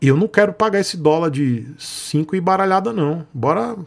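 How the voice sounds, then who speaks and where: A man's voice: a little high, lively intonation, a little fast, gravelly. A man with a Brazilian accent voicing a bossy, offhand male company owner who gives orders.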